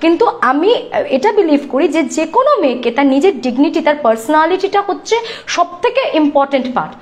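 A woman in her thirties with a Bengali accent, a YouTuber telling a story to her live audience in an animated, indignant way. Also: high voice, brisk. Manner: animated, indignant, acts out the people she quotes. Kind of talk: casual storytelling chat.

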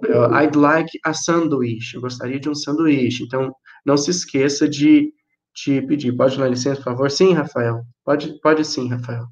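A man's voice: mid-range voice, steady tone, normal speed, a little mellow, dull audio. A man from Brazil teaching English to children in an online class, patiently repeating and explaining.

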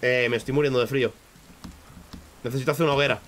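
A man giving casual, swear-heavy live commentary on a game, breaking into loud high shouts when startled. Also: steady tone, quick pace, a little hiss or hum. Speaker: streamer.

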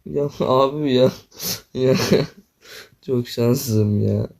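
A young man commenting on his own gameplay, groaning, swearing and complaining loudly as he plays. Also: mid-range voice, very slow, gravelly. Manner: frustrated, swearing, groaning, yelping. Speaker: gaming YouTuber.

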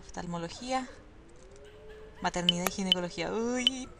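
A woman's voice: fairly low pitch, normal speed, vocal fry, noisy background. A woman giving chatty, nervous commentary while playing a game and talking to viewers. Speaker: let's play gamer.

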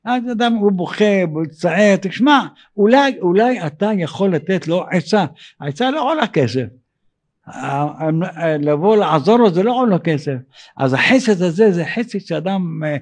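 An older man gives a rabbi's sermon in a fairly high voice. He speaks haltingly with frequent pauses. He rises into animated, raised tones when he acts out dialogue. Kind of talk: evening sermon.

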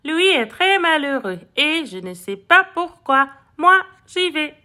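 A woman voicing a grumpy, clever male house cat in a storybook reading, scolding and grumbling in a lowered voice. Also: very animated, slow pace, sharp tone, heavily acted.

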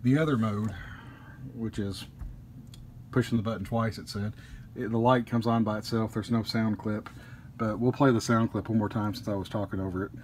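A man casually reviewing a collectible statue at a table indoors, easygoing, with frequent pauses. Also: lowish voice, fairly even intonation, darkish tone, slight background noise.

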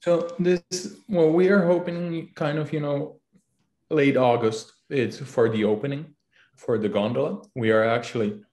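Man from the Republic, halting, in an echoey room. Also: medium pitch, steady tone, a little mellow. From Czech Republic. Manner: halting, many fillers and restarts. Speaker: CEO guest. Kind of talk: casual interview answers.

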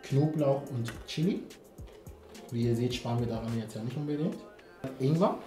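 A man's voice: medium pitch, normal speed, over music. A man in his thirties hosting a casual cooking vlog in a home kitchen, hyped and slangy, joking with his guest. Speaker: cooking show host. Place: home kitchen studio, indoors. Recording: roomy and distant.

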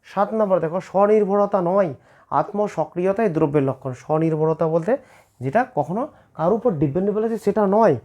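Mellow-voiced Bengali teacher drilling questions. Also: male voice, sits high, lively intonation, a little fast. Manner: repeats questions and answers them himself. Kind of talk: exam-prep lecture.

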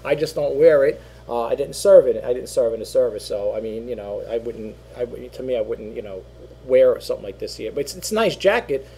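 Speaking a little fast and animatedly, a middle-aged man shows off products he's selling online, using a webcam at his desk in a small home office. His medium-pitched, mellow voice has a breathy edge and is wearing thin as he loses it, and he rambles with plenty of fillers and repeats. The audio is poor.

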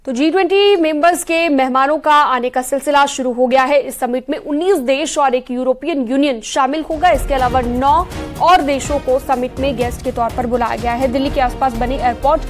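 A young woman anchoring a TV news bulletin in a studio, reading briskly and formally. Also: sits high, fairly even intonation. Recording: broadcast bed music underneath.

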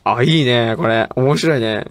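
A man's voice: mid-range voice, a little slow, no room sound. A man hosting a radio show, reading listener mail in a playful, chatty way and laughing often.

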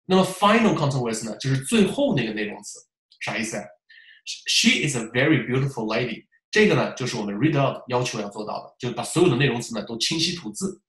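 A man teaching test preparation in a lecture style, animated, asking rhetorical questions and demonstrating examples aloud. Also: mid-range voice, quick pace. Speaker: English test prep teacher. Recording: roomy echo.

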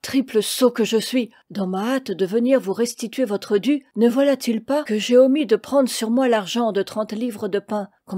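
A man's voice: sits high, darkish tone, no room sound, clean studio sound, lightly acted. A woman voicing a humble, apologetic male roofer who schemes, in a storybook reading. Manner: humble, apologetic, then pleading.

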